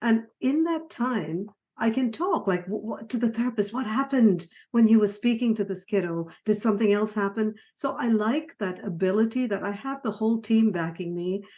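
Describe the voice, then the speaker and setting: A middle-aged woman from Sri Lanka, a psychiatrist guest on an interview, talking warmly with frequent laughs and restarts. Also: on the high side, moderate pace, hardly any pauses. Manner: warm, laughing, many restarts. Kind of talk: conversational interview.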